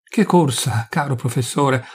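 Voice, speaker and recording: Flustered sweaty doctor, complaining, husky tone, man reading. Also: mid-range voice, unhurried, darkish tone. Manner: breathless, complaining.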